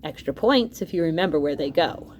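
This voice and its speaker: Her voice sits low and moves fairly quickly, with slight background noise, as she reads an educational book aloud to students. Playing the teacher, she's animated, speaking straight to her audience with asides and exclamations.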